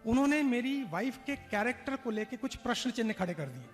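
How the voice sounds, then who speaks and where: A man's voice: extremely high pitch, a little fast. A man giving a motivational stage talk to a live audience, acting out stories and asking the crowd to respond. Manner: animated, acts out stories, urges audience responses. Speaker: motivational speaker and trainer. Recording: long hall reverb, faint music.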